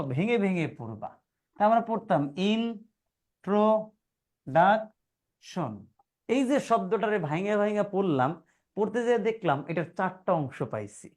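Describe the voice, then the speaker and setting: Man, grammar teacher, high-pitched, classroom lesson, rhetorical questions, slow syllable-by-syllable sounding out. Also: darkish tone. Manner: asks rhetorical questions, calls students "brother".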